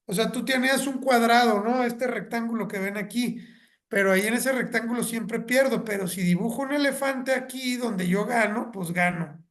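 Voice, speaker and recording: A woman's voice: on the high side, moderate pace. A woman with a Mexican accent giving a graduate lecture over a video call, explaining in a conversational way with homely examples and asides.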